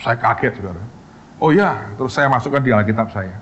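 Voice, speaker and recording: A middle-aged man, a pastor preaching a sermon as an animated storyteller who acts out quoted dialogue with sudden jumps in pitch. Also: quick pace, muffled recording, slight background noise. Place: church hall.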